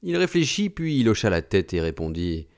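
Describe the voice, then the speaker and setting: Deep-voiced man reading a novel aloud. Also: smooth. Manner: measured and expressive reading. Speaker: audiobook narrator. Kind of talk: literary audiobook narration.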